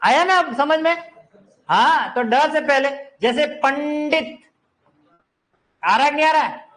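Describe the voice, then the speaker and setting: A man's voice: very high-pitched, animated, normal speed, a bit bright. A man teaching a grammar class, explaining step by step and quizzing his students. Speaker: Hindi teacher. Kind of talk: classroom lecture.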